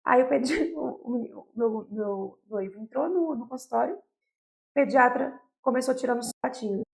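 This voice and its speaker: Woman, Brazilian accent, pediatrician, fairly high voice, vocal fry, talks straight to parents. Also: moderate pace, a little mellow, poor audio. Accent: Brazilian Portuguese. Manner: explanatory, speaks directly to parents with frequent "tá?" and "né?". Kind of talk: educational talk to parents.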